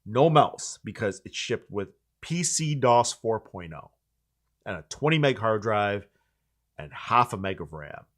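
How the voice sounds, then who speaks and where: A man's voice: lowish voice, big pitch swings, a little slow, a bit bright. Rambling man in his forties. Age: 40s. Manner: rambling, full of likes and restarts. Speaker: channel host. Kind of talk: casual chat.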